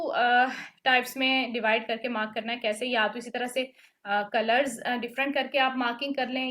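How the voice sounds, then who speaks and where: Woman, teacher, patient explaining, fairly high voice. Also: fairly bright tone. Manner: patient, checks understanding with "ठीक है?". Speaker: tajweed teacher. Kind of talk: online class instruction.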